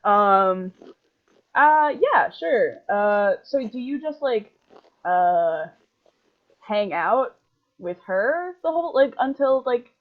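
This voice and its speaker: A woman's voice: medium pitch, expressive, slow, long pauses, phone-quality sound. A woman running a tabletop game as game master over a voice call, rambling with lots of filler words.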